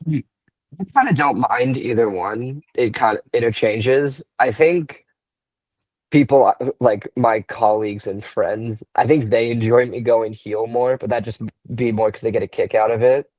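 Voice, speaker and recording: A young man in his twenties, a wrestler, answering interview questions in a relaxed way, thinking aloud with many fillers and restarts. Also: medium pitch, a little slow, no room sound, lo-fi sound. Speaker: wrestler, podcast guest.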